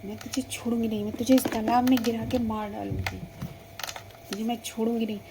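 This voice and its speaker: A woman's voice: a little high, flat delivery, fairly quick, creaky, noisy background. A woman voicing a bossy, threatening mean girl in a doll story. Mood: menacing. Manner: menacing, scolding.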